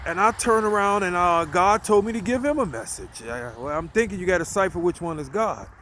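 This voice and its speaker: A man's voice: sits high, lively intonation, fairly quick, bright, forceful tone, slight background noise. A man talking casually while walking outdoors at night, telling a rambling, conversational story and repeating himself. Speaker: vlogger.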